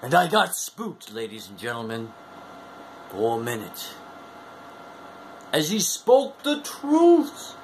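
At medium pitch but swooping wildly, a man in his forties, a wrestling fan video host, gives a theatrical promo monologue to camera as a bombastic showman. He elongates his words and throws in sudden whoops, recorded in a small room at home with slight background noise.

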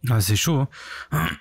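A man's voice: mid-range voice, gravelly, dry recording. A man giving casual let's play commentary as a game streamer, thinking aloud as he goes.

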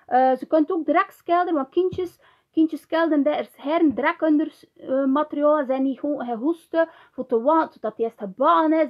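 A woman's voice: high-pitched, dull audio. A woman with a Flemish accent giving a hands-on ceramics tutorial, chatting loosely and tagging nearly every sentence with a little "hè". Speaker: ceramics teacher.

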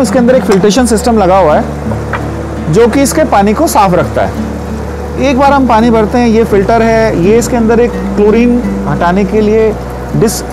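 High-voiced man pitching at an exhibition. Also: rough recording. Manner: confident, persuasive, gestures while explaining. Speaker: pool company representative. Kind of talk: sales pitch at a trade stall. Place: large indoor exhibition hall.

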